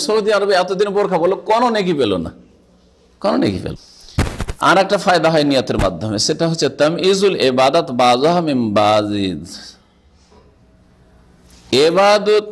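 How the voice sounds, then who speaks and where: A man from Bangladesh delivers a sermon on a hadith, his voice sitting a little high. He explains step by step, often quoting Arabic and then asking his listeners rhetorical questions. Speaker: Islamic scholar giving a religious lecture.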